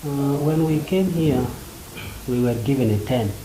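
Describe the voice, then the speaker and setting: Man from South Sudan, halting first-person interpreter, echoey and noisy. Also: mid-range voice. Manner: halting, many fillers and pauses, short phrases. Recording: roomy echo with ambient noise.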